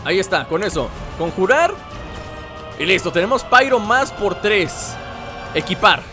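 Loud game music and sound effects play behind a male commentator as he does a let's-play, jokingly hurling mock insults at enemies. He has a high, animated voice and an unhurried delivery.

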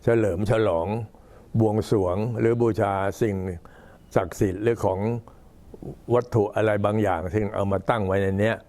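Older male monk, low-pitched old man's voice, halting and unhurried, informally recounting temple history. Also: fairly even intonation, a little mellow. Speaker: Buddhist monk addressing temple visitors.

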